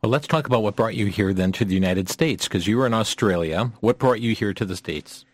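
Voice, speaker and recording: Low-voiced interviewer man, short prompting questions, dry. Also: a little fast, dry recording. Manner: brief, encouraging prompts.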